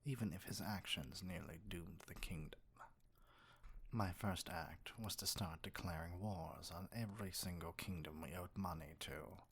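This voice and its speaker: Heavily acted, a deep and slightly bright male voice portrays a domineering, arrogant evil sorcerer king for ASMR roleplay. He keeps a measured, condescending tone in a breathy near-whisper.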